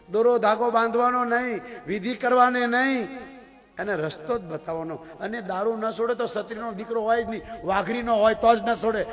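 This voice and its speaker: A man preaching a devotional sermon, acting out quoted prayers and dialogue with rising, pleading intensity. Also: high-pitched. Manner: impassioned, acts out quoted figures with rising pleas. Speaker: preacher giving a scripture discourse. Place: temple gathering hall. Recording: dull lo-fi sound in a long echoing hall with faint music.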